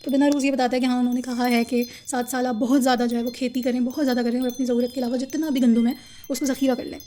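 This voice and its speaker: Woman storyteller, high mellow voice, chatty retelling of a religious tale. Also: level tone, a little hiss or hum. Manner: conversational, retells scenes in simple words with fillers. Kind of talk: casual narration of a religious story.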